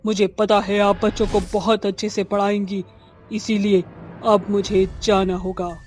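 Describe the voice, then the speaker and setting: A man puts on a gentle female witch teacher in a cartoon, his voice pushed high and kept flat as she calmly reassures. The tone stays even throughout. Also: a little slow, faint music behind. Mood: reassuring. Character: kindly female witch schoolteacher saying goodbye.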